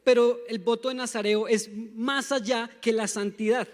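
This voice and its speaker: High-voiced young Colombian preacher in a reverberant church. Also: male voice, fairly even intonation, normal speed. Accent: Colombian, Bogotá. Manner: emphatic, calls the congregation to repeat after him. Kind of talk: sermon. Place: church sanctuary. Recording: long church hall reverb.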